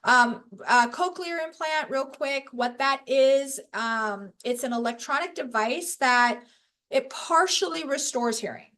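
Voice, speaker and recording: Woman trainer with a high voice, casual and chatty, speaking over a video call. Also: expressive, a little slow, sharp tone. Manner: casual, chatty, self-correcting with light laughs. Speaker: workshop instructor. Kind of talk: live training presentation.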